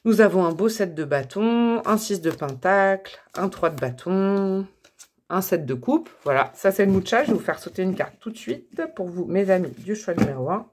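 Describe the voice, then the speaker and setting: A woman's voice: medium pitch, animated, normal speed, a little mellow, a little hiss or hum. A French woman talking casually to her viewers while drawing tarot cards, chatty and full of fillers and self-corrections. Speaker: tarot reader and channel host. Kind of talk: casual tarot reading to camera.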